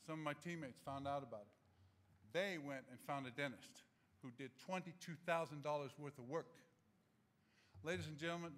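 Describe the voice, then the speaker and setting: A man in his sixties giving an animated, humorous acceptance speech from a podium microphone in a large auditorium. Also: fairly high pitch. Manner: animated, gesturing, humorous anecdotes.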